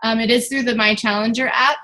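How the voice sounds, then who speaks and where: A woman's voice: fairly high pitch, fairly even intonation, quick pace, pushed and bright, rough recording. Chatty woman leading a team meeting. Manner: chatty, loose, many fillers and restarts. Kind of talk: casual team meeting talk.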